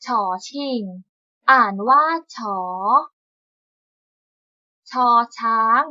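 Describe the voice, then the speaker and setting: A woman teacher reciting the alphabet for young children, repeating each item in a measured call-and-response pattern. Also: a little high, pushed and bright, no room sound, highs cut off. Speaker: primary school teacher.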